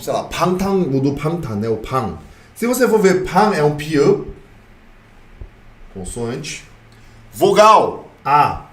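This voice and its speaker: A man's voice: fairly high pitch, far from the mic. A Brazilian man teaching an online Korean lesson, blunt and playful, repeating key points with emphasis. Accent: Brazilian Portuguese. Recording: echoey room, voice off-mic.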